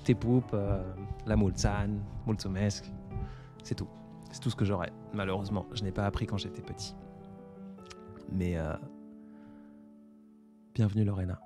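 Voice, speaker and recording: A man's voice: fairly low pitch, steady tone, measured pace, pauses often, music in the background. A man in his twenties hosting a casual live stream, answering viewer comments in a hesitant, reflective way with many fillers. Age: 20s. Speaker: livestream host.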